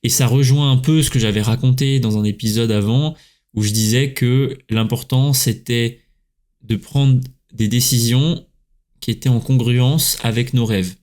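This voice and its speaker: Young French man, relaxed solo podcaster, chatty, stops and restarts, mid-range voice. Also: medium pitch, measured pace. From France. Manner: relaxed, chatty, many fillers and self-corrections. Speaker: podcast host, writer and coach. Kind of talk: casual solo podcast talk.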